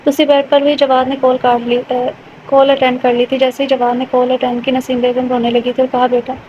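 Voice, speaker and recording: A woman narrating a romance audio novel in a steady, matter-of-fact reading. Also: high voice. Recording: dull lo-fi with faint hiss.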